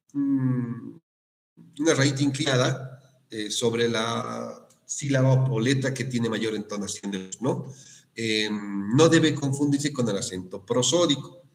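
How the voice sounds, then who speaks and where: A male teacher giving an online class on spelling and accents, explaining slowly with frequent checking questions and restarts. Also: fairly low pitch. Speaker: university language teacher.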